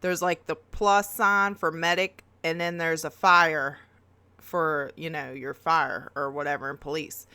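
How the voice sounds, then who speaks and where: A woman hosting a reaction video, telling a story in casual chat, animated and swearing, jumping up high when she acts out quotes. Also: unhurried, clear, resonant tone, dry recording.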